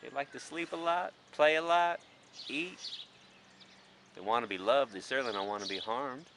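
An emphatic American man presents a farm sanctuary in informal on-camera commentary from an open field, repeating himself and leaning on rhetorical questions as an animal rights advocate. He speaks in a mid-range voice at normal speed, with clear farm background noise in the location recording.

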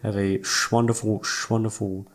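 A young man with a fairly low voice, flat delivery and measured pace chats loosely with his listeners over background music. As a YouTube voice actor and channel host, he comes across as hesitant and self-deprecating, swearing freely and letting lines fade out.

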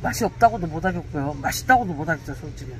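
A man's voice: a little high, lively intonation, rapid-fire, darkish tone, faint music behind, rough recording. A man giving casual, candid verdicts on food as he tastes it, speaking with his mouth full. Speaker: food vlogger. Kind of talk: casual taste-test commentary.

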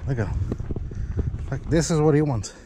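A man's voice: a little high, moderate pace. A young man vlogging while fishing from a canal bank outdoors, talking casually to the camera and to himself. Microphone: head-mounted action camera. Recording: outdoor action-camera audio with clear background noise.

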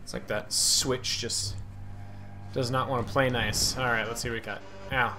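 A man giving casual gameplay commentary as a streamer, excitable and cursing at enemies while game music plays. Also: mid-range voice, moderate pace. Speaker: gaming streamer. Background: game audio and music.

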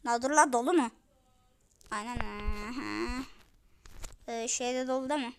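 A woman hosting a gaming channel, commenting on her play in an excitable, chatty way with sudden yells. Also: a little high, measured pace, a little hiss or hum. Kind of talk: game commentary.

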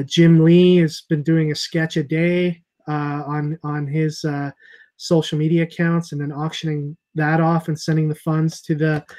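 A slightly high voice with a darkish tone belongs to a man in his thirties who owns a comic shop. He hosts a laid-back chat over video call from home using an earphone mic, and he tends to ramble, filling his speech with fillers and restarts.

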